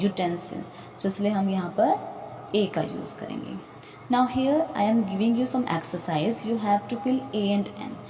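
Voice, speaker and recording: धीमी, शांत आवाज़ में पढ़ाती महिला. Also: female voice, mid-range voice, mellow, a little hiss or hum, poor audio. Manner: patient, repeats examples and asks questions to the viewer. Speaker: English grammar teacher. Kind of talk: slow explanatory lesson mixing Hindi and English.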